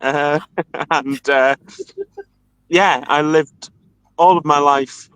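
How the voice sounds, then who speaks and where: A man's voice: a little high, steady tone, very slow, fairly bright tone, clean tone, dry recording, low-quality recording. A man in his thirties with a Manchester accent, a guest musician chatting casually and laughing often over a video call. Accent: Mancunian. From England. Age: 30s. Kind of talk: casual chat.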